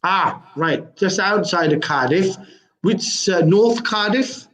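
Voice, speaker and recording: A man hosting a casual online interview, halting and often repeating his phrases. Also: sits high, animated, a bit bright. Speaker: host. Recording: dull lo-fi online call.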